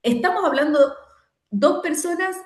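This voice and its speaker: Heard in a reverberant space, her voice is high-pitched and moves at a moderate pace. She is a middle-aged Argentine woman with an Argentine Spanish accent, leading a teaching conversation in a training setting and emphatically acting out made-up excuses and prayers.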